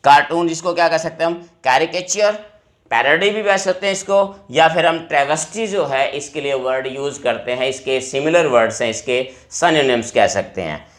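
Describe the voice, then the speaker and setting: A male teacher explaining vocabulary words to exam students, repeating each word slowly. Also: fairly high pitch, a bit bright.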